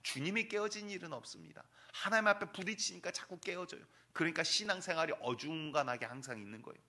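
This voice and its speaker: A man preaching to his congregation as their pastor, pressing his points with one rhetorical question after another. His voice is bright and forceful. It carries through a church sanctuary. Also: on the high side, quick pace. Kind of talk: sermon.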